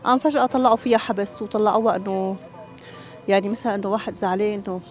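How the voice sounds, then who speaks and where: A woman's voice: mid-range voice, steady tone, very fast, a little mellow. A middle-aged woman with a Syrian Arabic accent, answering questions in a casual personal interview. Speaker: street interviewee. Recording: background music under voice.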